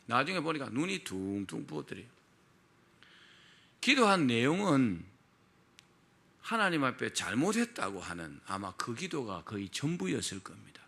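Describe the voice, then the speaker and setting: A middle-aged male pastor delivers a sermon in a gravelly, forceful voice. His pitch moves animatedly as he tells a story, and he keeps turning to the congregation with rhetorical questions.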